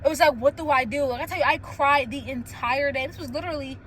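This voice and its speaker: A young woman hosting a casual solo chat, telling stories candidly with lots of "like" and quick laughs. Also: high-pitched, a little hiss or hum, poor audio. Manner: candid, animated storytelling with frequent "like" and laughs. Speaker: podcast host.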